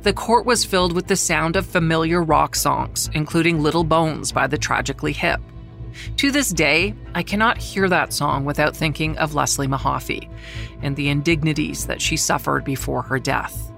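A middle-aged journalist narrating a true-crime story in a measured, somber way, slowing down on the grave details. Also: medium pitch, vocal fry, a bit bright, soft background music. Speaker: journalist who covered the trial, narrating.

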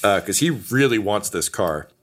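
A man narrating a tabletop game as game master, relaxed and full of fillers. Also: fairly low pitch, moderate pace.

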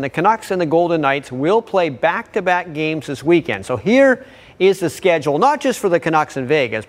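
A man presenting sports news as an anchor, in an informal, conversational way. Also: mid-range voice.

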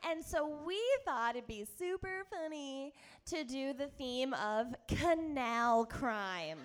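A woman's voice: high voice, animated, takes it slowly, slight background noise. A woman co-hosting a live comedy podcast, giggly and upbeat as she opens the show. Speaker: podcast co-host. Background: live audience.

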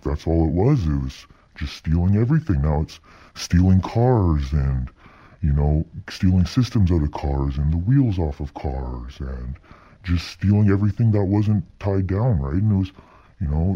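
Man with a disguised, unnaturally deep voice. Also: dark tone, slightly rough, highs cut off. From British Columbia, Canada. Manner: halting and reflective, many fillers and restarts. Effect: voice electronically altered to sound very deep for anonymity. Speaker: anonymous interview guest, former gang member. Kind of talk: candid interview answers.

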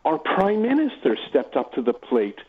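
A male radio panel guest speaks in a measured, formal manner. His voice is slightly high and moves up and down freely. It comes through a tinny phone line. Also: huge pitch swings, breathy edge. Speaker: guest commentator.

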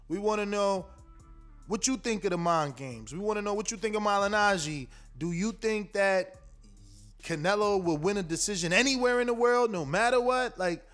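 A high-pitched man hosts a live boxing call-in show. He speaks in casual slang and drives points home by repeating phrases. Faint music plays behind him. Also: a bit bright.

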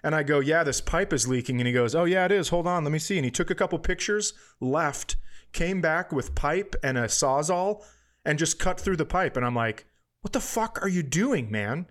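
A podcast co-host with a slightly high voice and moderate pace casually tells an everyday story. His retelling is animated and profane, full of swearing and quoted dialogue.

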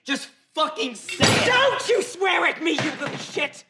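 A furious mother screams at her son in a shrill, piercing voice. The film clip is buried under loud noise. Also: sing-song, measured pace, exaggerated voice. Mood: enraged. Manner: shouting, venomous.

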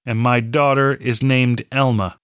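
A man voicing a weary man posing as a rural father, speaking low and earnestly in an audiobook reading. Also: little pitch movement, unhurried, fairly bright tone, clear, resonant tone, no room sound, clean studio sound, close to an everyday voice.

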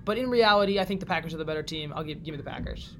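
A man's voice: fairly high pitch, a bit bright, a little hiss or hum. A man co-hosting a sports podcast, giving his picks in a casual, opinionated chat. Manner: opinionated, quick to pick sides. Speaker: podcast co-host.

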